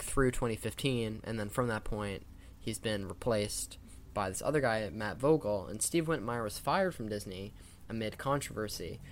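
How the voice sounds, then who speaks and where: Male host, lowish pitch, opinionated casual commentary, slight background noise. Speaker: podcast host. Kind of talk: casual film-trivia commentary.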